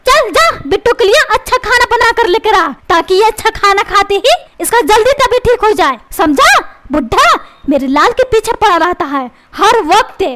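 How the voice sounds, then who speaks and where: A woman's voice: very high voice, lively intonation, moderate pace, hardly any pauses, fairly bright tone. A woman voicing a fickle cartoon mother who scolds her husband and dotes on her son, talking in a bossy, scolding way. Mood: angry.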